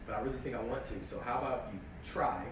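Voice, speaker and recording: A young man telling a story in casual chat, animated and full of "like", acting out his own reactions. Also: medium pitch, fast talker. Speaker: actor telling a story on a livestream. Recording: echoey, distant mic, faint noise.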